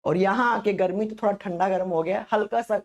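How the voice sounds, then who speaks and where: A woman teacher with a sore, hoarse throat, giving a live online science lesson and repeating her questions to the students. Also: mid-range voice, steady tone, fairly quick, a little mellow, dull audio.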